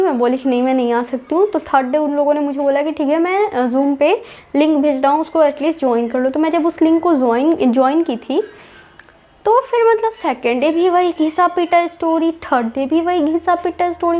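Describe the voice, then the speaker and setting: A woman's voice: sits high, fairly quick, mellow. A young woman vlogger telling her own story in a casual, chatty way, dropping in English words and repeating herself.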